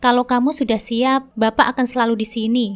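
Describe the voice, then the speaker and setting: A proud, wealthy village landlord in his sixties speaks softly and with assurance, voiced by a woman narrator. The voice stays clear and slightly high, with a smooth storybook tone. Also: level tone, fairly quick, natural voice. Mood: coaxing. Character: rich old village landlord, man of sixty, proud.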